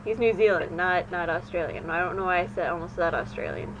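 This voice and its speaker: A woman's voice: lowish voice, fairly quick. Playful, chatty woman co-host. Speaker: podcast co-host. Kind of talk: casual fan podcast chat. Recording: dull lo-fi sound with faint noise.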